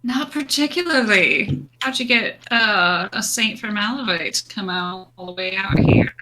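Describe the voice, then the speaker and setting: A woman's voice: mid-range voice, a little slow, pushed and bright, slight background noise, low-quality recording. A woman playing an angry, vengeful male adventurer in a tabletop game, coldly sarcastic and threatening. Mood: cold, curt. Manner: menacing, sweary, sarcastic.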